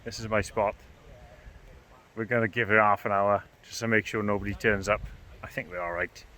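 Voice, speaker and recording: A man's voice: lowish voice, little pitch movement, normal speed, bright, forceful tone. A man with a British accent chats informally and off the cuff as he films a camping vlog outdoors. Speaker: camping vlogger. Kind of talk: casual outdoor vlog chat. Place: outdoors in farmland and woods. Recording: clearly noisy outdoor field recording.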